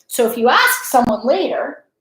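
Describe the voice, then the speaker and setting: At a moderate pace and in a higher-pitched voice, a middle-aged woman reads a children's storybook like a principal would, expressive and teacherly, with asides and questions aimed at her audience. She's indoors in a small home room; the low-quality recording echoes.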